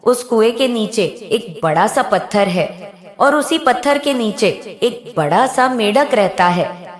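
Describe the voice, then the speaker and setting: A woman's voice: on the high side, expressive, slow pace. A woman voicing a sleepy, irritable male demon in a cartoon story, grumbling and impatient. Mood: startled, curious. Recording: roomy echo.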